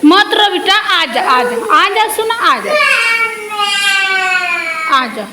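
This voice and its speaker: A woman from Jharkhand, India, vlogging outdoors on a phone. She talks to a crying child in soft, coaxing words and repeats short phrases. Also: extremely high pitch, expressive, drawn-out words. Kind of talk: casual daily vlog. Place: outdoors in the sun. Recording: loud background noise.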